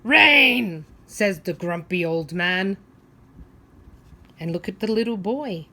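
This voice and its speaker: Speaking on the low side, a female teacher guides young kids through a read-aloud, pausing after simple questions to give them time to think.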